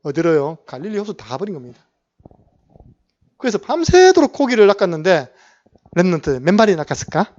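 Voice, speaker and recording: A man's voice: sits high, sing-song, brisk, pauses often, a little mellow, lo-fi sound. A male pastor with a Gyeongsang Korean accent, telling a Bible story in a sermon and often asking the congregation questions. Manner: storytelling preacher who asks the congregation questions and acts out quotes. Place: church sanctuary.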